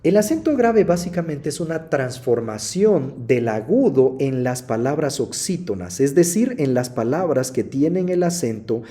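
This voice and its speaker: A man teaching a slide lesson on New Testament Greek, explaining calmly and speaking straight to the viewers. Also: mid-range voice. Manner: slow, explanatory, addresses viewers directly.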